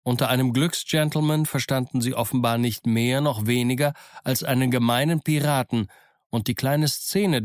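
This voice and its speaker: A man narrating an audiobook in a steady, measured storytelling manner. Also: mid-range voice, dry recording, studio quality.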